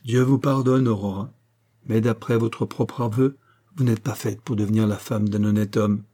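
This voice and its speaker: A stern, honorable captain speaks with grave insistence, as an audiobook narrator plays him. The voice is low and dark, with a husky edge. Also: male voice, fairly even intonation, moderate pace, natural voice. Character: stern, honorable young army captain, wounded fiancé.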